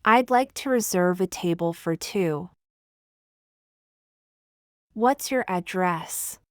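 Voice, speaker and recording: A woman reading short everyday phrases one at a time for language learners, slow and deliberate. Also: on the low side, no echo, studio quality. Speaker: language teacher.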